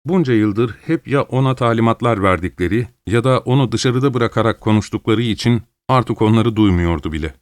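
An audiobook narrator reads a novel aloud in a brisk manner with few pauses, voicing every character from a script. He raises his pitch for the dialogue and keeps the narration steady in between. The studio sound is clean, with no room sound.

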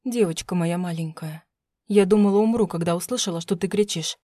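A woman doing a loving older mother in an audiobook, soft, soothing and a little nervous. The voice is mellow and recorded close and dry. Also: lowish voice, fairly quick, dry recording, lightly acted. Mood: tender. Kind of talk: audiobook narration.

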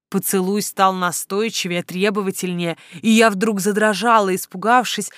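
Female audiobook narrator, first-person storytelling, expressive and emotional; mid pitch, dry booth sound. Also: dry recording.

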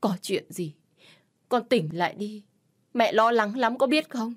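Woman doing a distraught storybook mother, wailing, pleading, raised and pitched up, husky edge. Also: lively intonation, a little slow. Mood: anguished. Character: distraught middle-aged mother pleading over her son.

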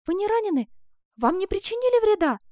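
A woman voicing a high, anxious young noblewoman. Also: animated, a little fast, warm tone, no room sound, clean studio sound.

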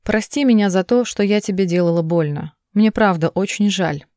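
A woman's voice: mid-range voice, moderate pace, warm tone, dry recording, studio quality, close to an everyday voice. Woman reading as a tearful pleading mother. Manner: pleading, urgent. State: crying.

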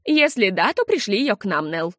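A woman's voice: medium pitch, sing-song, moderate pace, fairly bright tone, dry recording, studio quality. A woman reading the part of a stern, reproachful older woman. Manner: firm, reproachful.

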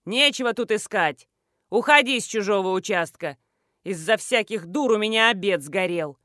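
A woman reading an audiobook voices a rude, loud middle-aged village mother-in-law who scolds and shouts. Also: mid-range voice, normal speed, no echo, clean studio sound, lightly acted. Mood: scornful.

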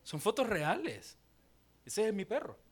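A man preaching a sermon as pastor, animated and playful, acting out little scenes and firing questions at the congregation. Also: high-pitched, a little slow.

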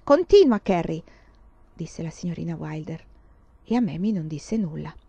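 A woman narrating a storybook with an expressive, dramatic reading. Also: low-pitched, normal speed, creaky, slightly rough, dry recording. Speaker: audiobook reader. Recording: dull, dry lo-fi recording.

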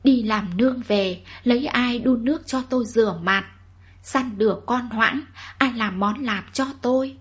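A woman reading a grieving older man, breathy. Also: on the high side, a little slow. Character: grieving older man mourning his wife.

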